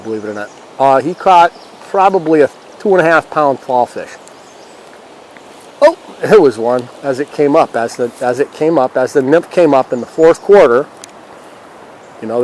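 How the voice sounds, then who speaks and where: Standing outdoors in a river, this fishing vlog host chats casually with viewers in a folksy way as he fishes. His voice runs on the high side. Recording quality is low, though the river and surrounding noise are clearly heard.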